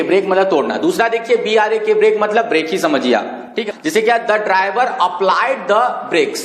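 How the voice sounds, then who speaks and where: A man teaching a lesson, spelling words letter by letter, reading example sentences slowly and often asking whether his students have understood. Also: high voice. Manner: keeps checking understanding with "clear?" and "okay?". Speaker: English teacher. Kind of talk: classroom-style lesson explaining homophones. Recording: echoey room with long reverb.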